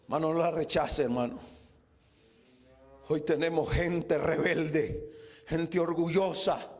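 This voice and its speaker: A male pastor preaching a sermon, swinging between shouted exhortation and low, quiet pleading with the congregation. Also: steady tone, slow pace.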